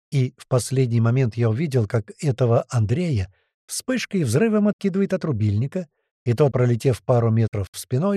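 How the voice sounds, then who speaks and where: Expressive male audiobook narrator. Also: mid-range voice, no room sound, studio quality. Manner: lively, expressive storytelling.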